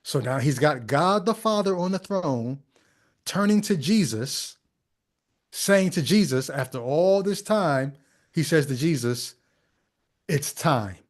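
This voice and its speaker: Brief: male podcast host, casual commentary, mildly higher voice, sarcastic asides. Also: expressive, a little slow.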